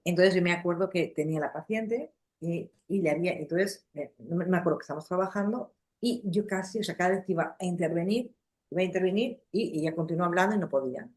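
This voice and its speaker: A middle-aged woman leads a psychotherapy class. Her voice sits a little low, and she talks in a loose, conversational way, restarting sentences and checking in with her listeners. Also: fast talker, darkish tone. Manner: conversational, many fillers and restarts, acts out examples. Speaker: psychotherapy teacher. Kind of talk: lecture to a class.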